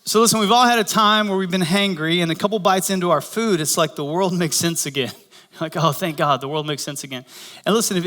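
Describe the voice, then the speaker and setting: Bright-voiced joking pastor. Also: male voice, a little high. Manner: joking storyteller, acts out quoted voices. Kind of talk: humorous Easter sermon. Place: church.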